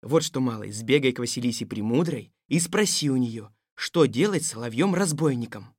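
An actor playing a stern but sensible fairy-tale tsar who speaks in a gruff, commanding way. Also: male voice, high-pitched, big pitch swings, moderate pace, a bit bright, no room sound, studio quality. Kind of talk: audio fairy-tale drama.

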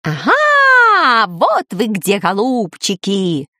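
A woman doing a shrill taunting parrot villain. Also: huge pitch swings, drawn-out words, bright, forceful tone, no room sound, clean studio sound, heavily acted. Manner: gleeful, taunting, shrieking. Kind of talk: storybook reading.

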